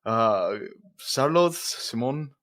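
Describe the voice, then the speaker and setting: A man hosting a podcast in casual chat, laughing often and reacting quickly to his guests. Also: medium pitch, lively intonation, a bit bright. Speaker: podcast host.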